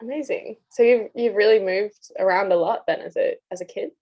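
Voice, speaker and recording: A young woman hosting an interview, upbeat and quick with "amazing" and "fantastic" between questions. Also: medium pitch. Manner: enthusiastic, repeats "amazing" and "fantastic". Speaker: interview host. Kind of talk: casual interview. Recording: dull lo-fi sound.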